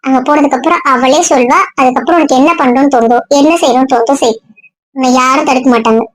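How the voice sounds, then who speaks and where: A woman acting a friend in a family web series, scolding and comforting in a brisk manner. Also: high-pitched, steady tone, no room sound, poor audio.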